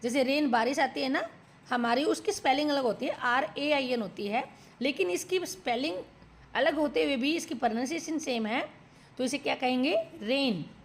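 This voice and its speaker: A woman English teacher reading out vocabulary words and their meanings one by one to her students. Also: sits high. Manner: slow, deliberate word-by-word dictation to students; addresses students as "beta". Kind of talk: vocabulary lesson.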